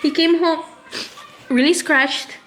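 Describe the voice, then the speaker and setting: Woman, mother vlogger, high voice, fighting tears, frustrated, halting speech. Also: fairly even intonation, a bit bright, slight background noise. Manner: halting, hesitant, full of restarts; frustrated and upset. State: holding back tears. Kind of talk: emotional personal vlog.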